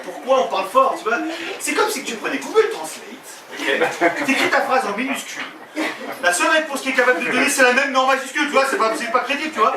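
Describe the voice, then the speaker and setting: A man doing live stand-up, his voice high and bouncing all over as he acts out voices and chats with the crowd. He sounds distant in an echoing room, with the audience clearly audible behind him. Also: fast talker, few pauses, noisy background. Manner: animated storytelling, loud put-on voices, crowd banter. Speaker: stand-up comedian. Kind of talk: stand-up comedy routine. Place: comedy stage with live audience. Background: audience laughter.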